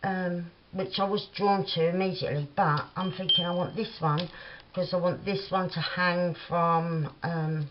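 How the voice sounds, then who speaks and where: A woman's voice: on the low side, steady tone, unhurried, muffled recording, a little hiss or hum. A woman with a Cockney accent chatting and thinking aloud as she works at her craft desk. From London. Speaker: craft vlogger. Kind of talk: casual crafting tutorial.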